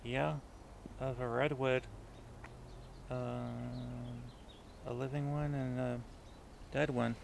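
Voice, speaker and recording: A man's voice: mid-range voice, flat delivery, slow pace, vocal fry, pauses often. A man behind the camera chatting casually, asking short, curious questions. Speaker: camera operator. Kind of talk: casual chat. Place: outdoor garden. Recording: outdoor noise on camera mic.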